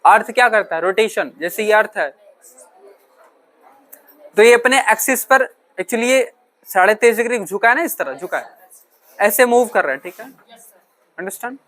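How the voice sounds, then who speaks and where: A man's voice: high voice, moderate pace, pauses often, bright, forceful tone. A male teacher lecturing a classroom, asking questions, answering them himself, mixing in English terms and often checking whether the students understand. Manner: mixes English terms into his talk.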